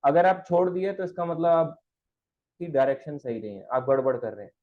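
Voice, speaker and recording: A man leads an online devotional class, his fairly high voice pressing each point home with preachy emphasis. English words slip into his Hindi as he explains and answers viewers. The sound comes through thin and tinny, like a phone line. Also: fairly even intonation, moderate pace.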